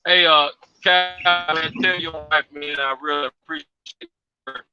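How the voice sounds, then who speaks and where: A man's voice: on the high side, steady tone, sharp tone, highs cut off, soft background music. Man on a glitchy call, cutting out. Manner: halting, many fillers and restarts. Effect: choppy call audio cutting in and out. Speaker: co-host calling in. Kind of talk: casual sports chat.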